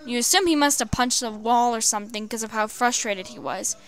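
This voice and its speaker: A woman reading fan fiction aloud, halting with many stumbles and restarts. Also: a little high. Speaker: storyteller.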